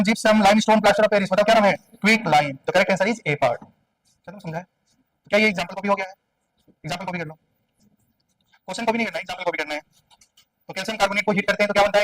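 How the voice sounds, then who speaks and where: A man's voice: high-pitched, a bit bright, no room sound, distant mic, low-quality recording. A man teaching a chemistry class, firing questions at his students and repeating answers call-and-response style. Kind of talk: classroom lecture. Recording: dry room sound, voice away from the mic.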